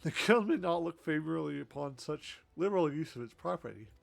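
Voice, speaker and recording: A man's voice: fairly high pitch, expressive, a little fast, creaky, voice pushed up. A man voicing a polite, formal guild official in a video game, speaking with stiff, courteous diction.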